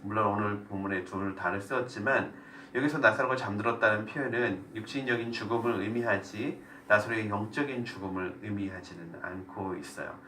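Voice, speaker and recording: Korean pastor in an echoey room. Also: male voice, lowish voice, fairly quick, sharp tone. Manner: asks the group questions and explains. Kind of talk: Bible study sermon with questions. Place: church room. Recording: echoey room, voice from a distance, faint noise.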